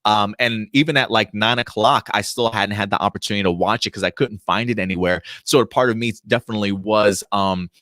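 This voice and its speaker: A man's voice: lowish voice, fairly quick, hardly any pauses, pushed and bright, no room sound, clean studio sound. A man in his late thirties co-hosting a casual livestream chat, talking through viewer comments with lots of fillers and restarts. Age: 30s. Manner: chatty, reads out viewer comments. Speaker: podcast co-host.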